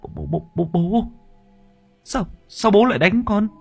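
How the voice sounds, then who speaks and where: Man voicing a young man, dazed, stammering, higher pitched. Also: measured pace, creaky, a little mellow, slightly rough, faint music behind, full character voice. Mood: bewildered. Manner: stammering, repeating words.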